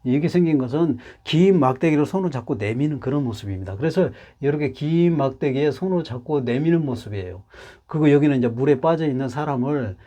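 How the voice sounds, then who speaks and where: Slightly high and dark-toned, this Hanja teacher talks quickly with lively intonation and barely pauses. Even at that pace, his energetic lecture on Chinese characters is patient and full of repetition.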